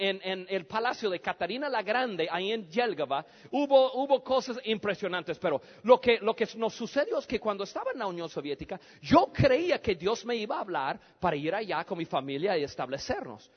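Man, Mexican accent, preacher, storytelling sermon, very high voice, dull lo-fi recording. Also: brisk, few pauses, breathy edge. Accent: Mexican Spanish. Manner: animated, breaks into shouts. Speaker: preacher, missionary.

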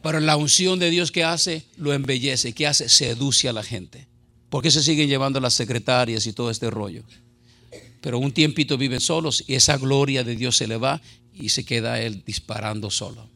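A man's voice: medium pitch, normal speed, gravelly, sharp tone. A middle-aged male pastor preaching a sermon in an impassioned, conversational way, full of rhetorical questions.

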